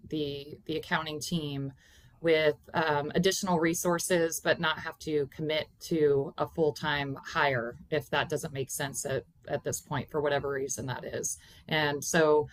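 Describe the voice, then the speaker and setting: A woman in her forties talks as an interview guest on a video call. Her voice is on the low side for a woman, with very little room sound, and her delivery is conversational. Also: steady tone, a little slow, no room sound, rough recording. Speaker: guest, accounting consultant.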